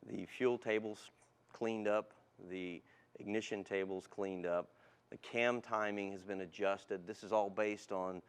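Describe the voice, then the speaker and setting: Smooth and on the low side, this man's voice belongs to a guest car tuning specialist. In an interview he lays out a product plainly, staying polite and matter-of-fact.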